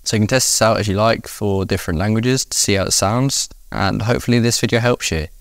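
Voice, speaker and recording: A man hosting a casual software tutorial, explaining each step in a relaxed way. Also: on the low side, fast talker, creaky, dry recording, studio quality. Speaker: tutorial host.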